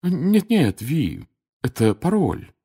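A man's voice: a little high, huge pitch swings, unhurried, creaky, voice pushed up, exaggerated voice. A man voicing a gossipy, portly old woman in a painting in an audiobook, nosy and sing-song. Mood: soothing.

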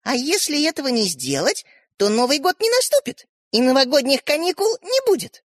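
A woman's voice: high voice, very animated, normal speed, dry recording, studio quality, pitched above the performer's own voice. A woman doing a bossy, scornful older sister. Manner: mocking, scolding. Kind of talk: audiobook character reading.

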